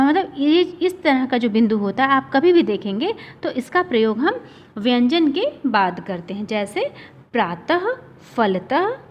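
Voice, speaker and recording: A woman teacher giving an online class lesson, explaining slowly and patiently and often checking that the class has followed. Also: high-pitched. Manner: slow, explaining patiently with repeated "theek hai". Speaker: school teacher. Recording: dull lo-fi sound with faint noise.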